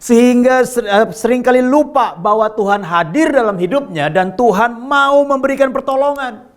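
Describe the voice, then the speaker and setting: Male pastor with a high voice, preaching a sermon; swings from raised emphasis down to quiet asides and keeps addressing the congregation. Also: lively intonation, moderate pace. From Indonesia. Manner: addresses the congregation directly and often.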